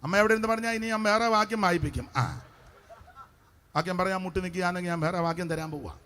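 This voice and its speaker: A middle-aged man preaching a revival crusade sermon as pastor, fiery and shouting praise between chatty asides. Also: high-pitched, fast.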